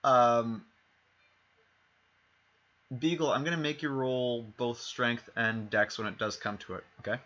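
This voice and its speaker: Unhurried and steady, with long pauses, a man's medium-pitched voice comes across bright and forceful as he runs a streamed tabletop game. He rambles and corrects himself, using fillers and restarts, all through a dull lo-fi mic.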